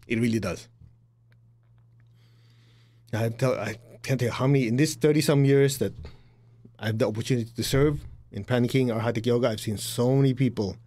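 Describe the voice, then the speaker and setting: This middle-aged man has a medium-pitched, darkish voice and a Chinese accent. Teaching bluntly on spiritual matters, he acts out quoted voices and chuckles at his own humor.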